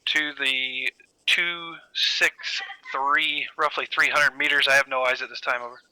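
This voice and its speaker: A man making measured military radio reports over a walkie talkie in a war simulation game. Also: mid-range voice, fairly even intonation, sharp tone, smooth, no room sound, low-quality recording.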